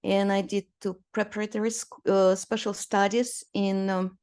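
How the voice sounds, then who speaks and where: A guest artist in her sixties, originally from Romania, gives a conversational interview in a storytelling manner full of small fillers and brief laughs. Her mid-range voice is clean and a little mellow, with flat delivery at a moderate pace.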